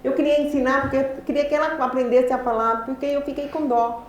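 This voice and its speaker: A high-pitched Brazilian woman lecturing, her speech deliberate and carefully shaped, as if each sound took effort to learn. She tells her story with lively energy. Her voice rings through a very echoey hall with a faint hum of noise underneath. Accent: Brazilian Portuguese. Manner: deliberate, effortful articulation of a speaker who learned speech late. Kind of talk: personal storytelling talk.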